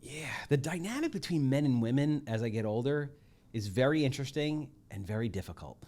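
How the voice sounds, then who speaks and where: A man hosting a podcast, talking in an emphatic, jokey, animated way. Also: medium pitch, fairly quick. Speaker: podcast host. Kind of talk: casual podcast conversation.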